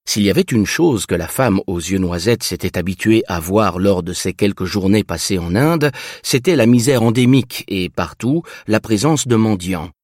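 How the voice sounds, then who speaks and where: A man reading a novel aloud as narrator, in an expressive, measured way. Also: fairly low pitch, dry recording, clean studio sound. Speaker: audiobook narrator. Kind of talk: scripted narration.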